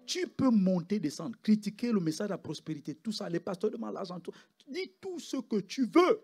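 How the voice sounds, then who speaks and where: A man preaching in church with a high, bright-sounding pitch. His delivery swings wildly, climbing into loud calls and then dropping almost to a murmur. The pitch moves a great deal. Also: breathy edge. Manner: preaching with rising shouts and sudden hushed drops. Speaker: pastor. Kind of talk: sermon.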